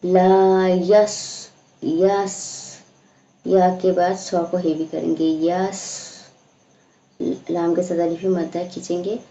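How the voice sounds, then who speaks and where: A woman teaching a slow, patient recitation lesson, explaining each sound and stretching out the recited words. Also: on the low side, level tone, mellow. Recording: echoey room, dull lo-fi sound.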